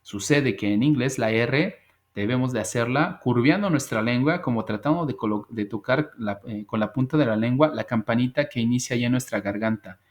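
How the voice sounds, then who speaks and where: A man teaching an online English class, talking over a video call at a middle pitch. He is patient, repeats words and slows down to drill pronunciation, like a teacher walking students through each step.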